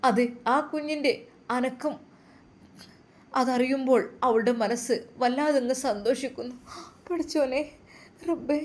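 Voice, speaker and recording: A woman's voice: sits high, measured pace, long pauses, a little mellow. A woman storyteller narrating a dramatic tale with emphatic, suspenseful delivery.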